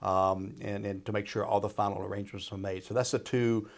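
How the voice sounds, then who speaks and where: A man with a fairly low voice explains as an advisor on a radio show. He talks informally and folksily, checking that the listener follows. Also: flat delivery, brisk, gravelly. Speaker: retirement planner and radio show expert. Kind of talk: conversational explaining.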